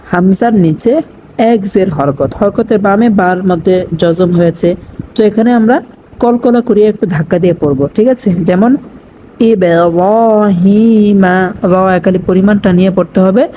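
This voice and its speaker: ধীর, টেনে টেনে পাঠ শেখানো নারী কণ্ঠ, মৃদু উষ্ণ স্বর. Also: female voice, medium pitch, dark tone, a little hiss or hum, low-quality recording. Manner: spells letters by vowel marks, then draws out the recited words slowly; addresses viewers directly and checks understanding. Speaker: Quran recitation teacher. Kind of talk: tajweed lesson with spelled-out recitation.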